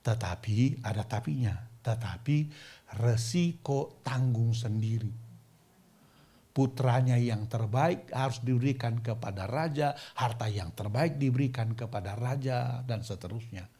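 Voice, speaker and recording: A man voicing God, who speaks in a firm and measured way. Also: mid-range voice, warm tone, husky. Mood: stern. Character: calm authoritative God, stern.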